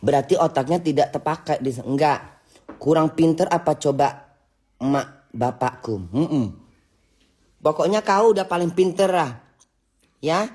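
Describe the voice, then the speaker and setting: A woman rants to her livestream audience in a scolding tone. Her speech is halting: she breaks off words and starts them again as she goes. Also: low-pitched, a little mellow. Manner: halting and scolding, with many restarts. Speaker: livestream host. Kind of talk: casual livestream rant.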